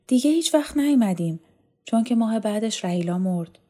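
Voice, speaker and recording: Woman narrator voicing a mellow middle-aged woman, wistful and reminiscing, audiobook. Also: a little high, animated, pitched above the performer's own voice. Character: middle-aged woman remembering her dead sister.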